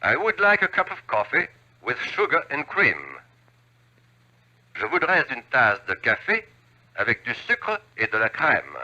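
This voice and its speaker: A man playing the voice of a language-lesson record, reading phrases clearly in a 1960s sitcom. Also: on the high side, wildly swooping pitch, normal speed, heavily acted. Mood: instructional. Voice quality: bright, precise, instructional. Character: male French-lesson record voice, crisp and didactic. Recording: dull old TV soundtrack.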